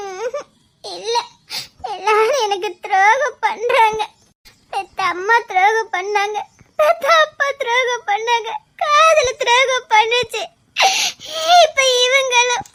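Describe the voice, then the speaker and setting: A woman's voice: very high voice, steady tone, measured pace, pushed and bright, full character voice. A woman playing a tearful young wife who feels betrayed, sobbing and pleading with a Tirunelveli accent. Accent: Tirunelveli Tamil. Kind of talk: web series drama acting.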